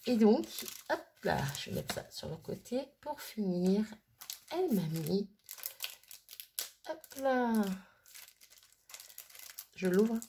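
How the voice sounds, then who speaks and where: A woman's voice: a little high, sing-song, slow pace, pauses often, mellow, slight background noise. A woman chatting casually as a crafting vlogger, gushing and often stumbling over her words. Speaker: crafting vlogger showing mail she received. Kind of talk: casual chat.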